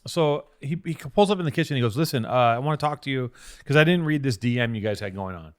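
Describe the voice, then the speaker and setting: A man's voice: medium pitch, animated, fast talker, clean tone. A man co-hosting a podcast, telling a rambling, profane story in casual chat. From Venice, California. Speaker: podcast co-host.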